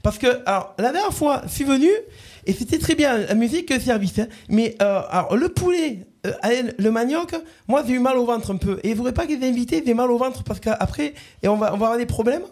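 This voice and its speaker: A man putting on a stammering high-voiced office manager. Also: animated, brisk, a little mellow, exaggerated voice. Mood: bumbling. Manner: stammering, hesitant, repeats words. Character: bumbling male corporate communications manager. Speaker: prank caller, radio host. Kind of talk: prank phone call.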